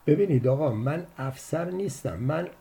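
A man voicing the story's flustered protagonist, hurried and defensive in dialogue. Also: medium pitch, lively intonation, mellow, natural voice.

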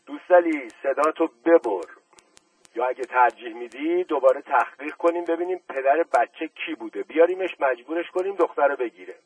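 A mischievous middle-aged aristocrat with a husky voice, as a male reader puts him on, sly and playful in every jab. He sits a little back from a slightly distant mic on a dry recording. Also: a little high, hardly any pauses, dry recording.

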